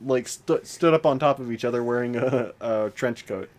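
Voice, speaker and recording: A man's voice: mid-range voice, normal speed. A man co-hosting a podcast in casual chat, joking and often laughing through his words. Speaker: podcast co-host.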